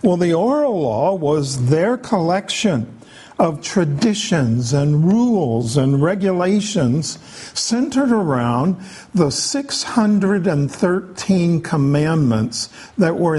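A man preaching a sermon, explaining scripture in an unhurried way with frequent pauses. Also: fairly high pitch, mellow, husky. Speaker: pastor.

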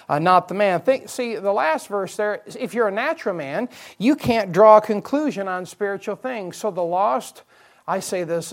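Explaining scripture in a midweek evening sermon, a pastor with a high voice addresses his church. He drives points home by repeating key phrases and asking the congregation rhetorical questions.

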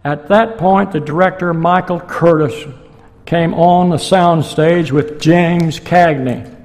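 A pastor giving a sermon, telling stories slowly and deliberately to his congregation in a church. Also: fairly high pitch, fairly even intonation, a little mellow, big-room sound. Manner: slow, deliberate storytelling.

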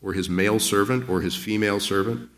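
A man pastor delivering a church sermon with a somewhat low-pitched voice. He preaches with rising emphasis and fires off rhetorical questions at the congregation. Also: a little fast, fairly bright tone.

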